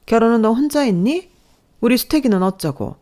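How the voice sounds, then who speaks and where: A woman's voice: fairly high pitch, lively intonation, brisk, mellow, pitched above the performer's own voice, close to an everyday voice. A woman voicing a snobbish middle-aged mother-in-law who scolds and belittles her daughter-in-law in a scripted story narration. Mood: scolding.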